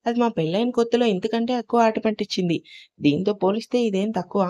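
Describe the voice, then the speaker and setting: A woman's voice: on the high side, fast, dark tone, no room sound, lightly acted. A woman voicing a cheeky young married woman who teases her sister in an audio story. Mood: playful. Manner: teasing, cheeky.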